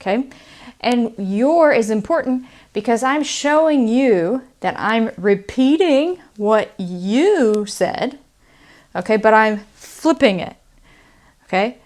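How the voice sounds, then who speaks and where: Slow-paced American woman teaching English. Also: fairly high pitch, animated, darkish tone. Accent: standard American. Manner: explanatory, often checks understanding with "okay?" and "right?". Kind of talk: conversational video lesson.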